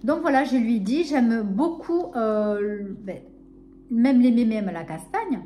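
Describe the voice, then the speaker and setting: With a voice on the high side, this woman talks in an animated, unhurried way over slight background noise. She's a book vlogger from Narbonne with a southern French accent, chatty and a little rambling, full of warm enthusiasm.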